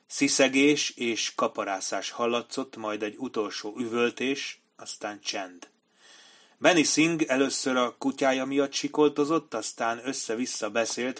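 Man, audiobook narration, measured and dramatic, mid pitch. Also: fairly bright tone. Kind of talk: scripted narration.

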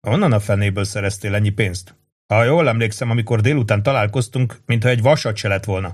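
A man reading an audiobook, voicing a young soldier with flat, dry remarks. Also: on the low side, natural voice. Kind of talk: audiobook character voice.

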